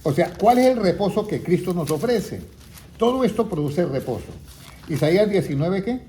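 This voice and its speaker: A man's voice: high-pitched, animated, normal speed, dark tone. A man teaching the Bible to a small group, often asking them questions and waiting for answers. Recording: echoey room with faint background noise.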